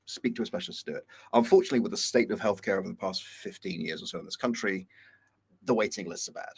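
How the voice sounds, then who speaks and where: A man's voice: low-pitched, fast talker, creaky, husky. A man on a video call, talking candidly and a little rambling in a casual chat. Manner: candid, rambling, self-deprecating. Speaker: co-host.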